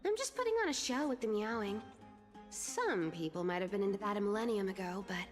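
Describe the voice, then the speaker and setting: A woman's voice: mid-range voice, expressive, fairly quick, long reverb tail, soft background music, close to an everyday voice. A woman voicing a sly, teasing young female thief with a cat-like, playful manner in a video game.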